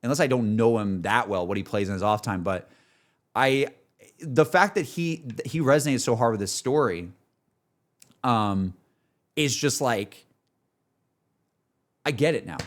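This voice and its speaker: Speaking unhurriedly with long pauses, a man with an expressive, mid-range voice livestreams casual game talk. As a game streamer, he offers emotional reflections that are earnest, emphatic, and rambling, often coming back around to the same ideas.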